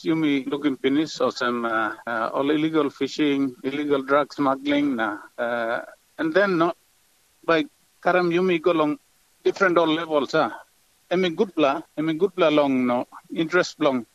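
An older man with a Papua New Guinean accent, a retired commander giving halting interview commentary in pidgin. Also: fairly high pitch, a bit bright, no echo. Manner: halting, searching for words. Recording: dull lo-fi interview audio.

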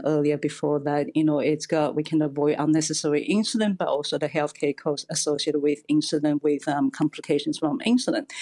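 A woman's voice: sits low, dark tone. A woman speaking as a guest expert in a radio interview, hesitant and full of fillers.

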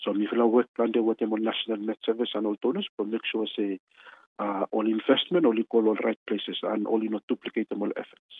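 A man with a Melanesian accent giving halting interview answers in Solomon Islands Pidgin mixed with English, drawing out and repeating words. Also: fairly low pitch, flat delivery, husky. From Pacific Islands. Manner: halting, with drawn-out words and repetition. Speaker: interviewee, regional meteorology official. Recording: tinny phone-like radio line.

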